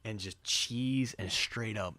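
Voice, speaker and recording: A man's voice: on the low side, takes it slowly, pushed and bright. A man hosting a casual podcast chat, talking in a laid-back, slangy way. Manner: laid-back slangy banter, says bro a lot. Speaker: podcast host.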